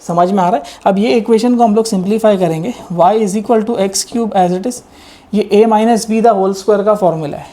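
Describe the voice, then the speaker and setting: A man's voice: high voice, normal speed, mellow. A male maths teacher giving an exam-prep lecture. He works through each step and keeps asking the students rhetorical questions, mixing English maths terms into his explanation.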